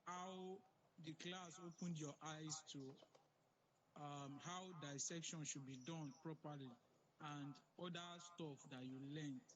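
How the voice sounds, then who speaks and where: A man's voice: fairly high pitch, steady tone, slow, a bit bright, low-quality recording. A man hosting an online class on a video call, coaxing his students to respond and closing the session. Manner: coaxing, urges audience to respond. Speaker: class host.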